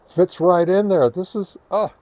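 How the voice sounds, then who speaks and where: With a high-pitched but dark voice, speaking a little slowly, a man gives a casual, hands-on product demo for his hobby review video. He chats enthusiastically about the gadgets from his home radio shack, and there is slight background noise.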